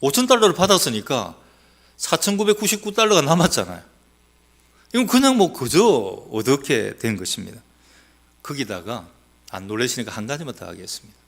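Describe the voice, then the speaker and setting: A male pastor with a mixed Gyeongsang accent preaching a sermon, teasing the congregation with questions and swinging between loud exhortation and quiet asides. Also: sing-song, brisk, gravelly. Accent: Gyeongsang Korean, mixed. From South Gyeongsang, Korea. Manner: emphatic, rising to loud exhortation, then dropping low.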